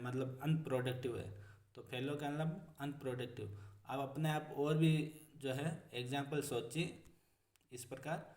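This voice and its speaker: A male teacher giving a vocabulary lesson, explaining each word slowly and repeating meanings, calling his students friends. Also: mid-range voice, recorded from a distance. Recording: echoey room, voice off-mic.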